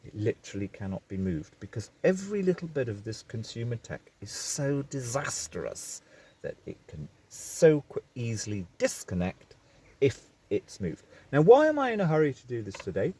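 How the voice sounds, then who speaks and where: A man's voice: mid-range voice, wildly swooping pitch, moderate pace, dark tone, husky. A man talking into his phone camera from a parked vehicle, rambling and going off on digressions in a casual vlog. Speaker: vlogger.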